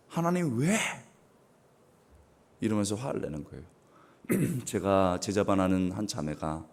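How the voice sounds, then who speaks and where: A middle-aged man preaching a revival sermon as guest pastor, with dramatic swings and sudden raised exclamations, clearing his throat now and then. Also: deep voice, darkish tone.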